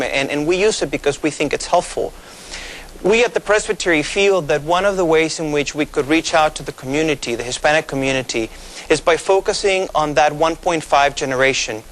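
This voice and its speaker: Appearing as a guest on a TV studio interview, this pastor from Mexico, in his thirties and a first-language Spanish speaker, gives measured explanations packed with fillers. He speaks on the higher side with a fairly bright tone, over poor audio.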